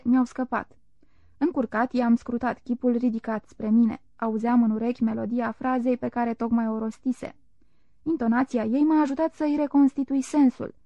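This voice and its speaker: A woman reading a literary novel aloud in a calm, measured narration. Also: a little high, dry recording. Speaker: audiobook reader. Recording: dull, dry, lo-fi recording.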